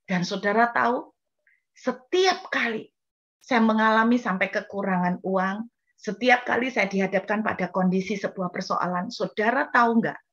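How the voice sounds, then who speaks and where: A woman preaching a sermon as personal testimony, often addressing her congregation and rising to slow, emphatic quoted lines. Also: a bit bright. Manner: rises in pitch and slows when quoting. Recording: dull lo-fi sermon recording.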